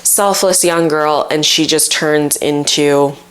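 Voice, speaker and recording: A woman's voice: low-pitched, fairly even intonation, slow pace, clean tone, poor audio. A young adult woman telling a true story to camera in a casual, conversational way, as a video host seated in a bedroom. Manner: conversational, informal. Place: small indoor bedroom.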